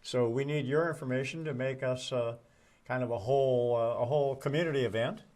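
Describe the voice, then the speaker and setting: A man's voice: mid-range voice, a little fast, a little mellow. A man co-hosting a casual morning chat show, talking in a folksy way with wry, joking asides.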